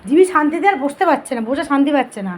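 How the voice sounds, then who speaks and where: A woman's voice: high voice, animated, quick pace, a little hiss or hum. A young woman narrating a home video of her dogs, slipping into fond baby-talk. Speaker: vlogger filming her dogs. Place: at home indoors.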